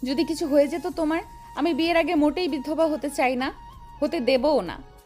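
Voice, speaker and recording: A woman voicing a young woman who speaks softly and emotionally to her injured beloved in an audio story. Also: high-pitched, pitched above the performer's own voice, close to an everyday voice. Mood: tearful. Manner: soft, emotional, slow. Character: young woman, tearful but fiercely devoted lover. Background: faint background music.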